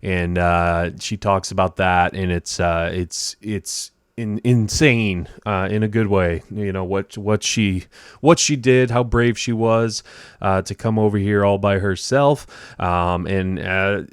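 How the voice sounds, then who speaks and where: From a home studio in Tampa, a man hosts a podcast, chatting casually with a guest in a halting way full of fillers and restarts. His voice sits low, smooth and steady, with clean studio sound and no echo.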